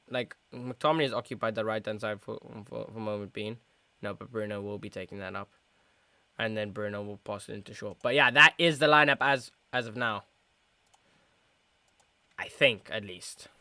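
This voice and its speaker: A man hosting a live football watchalong, who jumps from shouted play-by-play to low mumbled asides. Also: fairly even intonation, moderate pace, clear, resonant tone, no echo. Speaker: host of a football watchalong stream.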